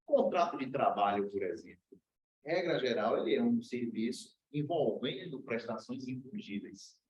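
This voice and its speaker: A husky-voiced man from Brazil teaching a university law class. He lectures casually, mixing slang and personal stories into his explanations, with his voice at a middle pitch for a man. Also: lively intonation, normal speed, darkish tone, lo-fi sound. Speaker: law professor. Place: lecture room.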